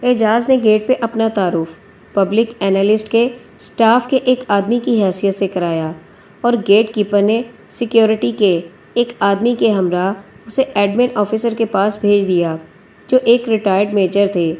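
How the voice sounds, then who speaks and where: A woman narrating a novel aloud in a steady storytelling manner. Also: mid-range voice. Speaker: audiobook narrator.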